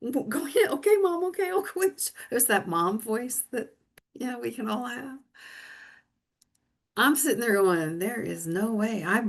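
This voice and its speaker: A middle-aged woman preaches a sermon at an unhurried pace, earnest and conversational. She often circles back and restarts her phrases as she talks. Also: medium pitch. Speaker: minister.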